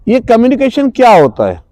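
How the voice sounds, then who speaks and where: A man's voice: very high-pitched, mellow, dry recording. A man giving a classroom lecture as a trainer, asking the class questions, answering them himself and repeating key words. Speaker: trainer at a rural self-employment institute.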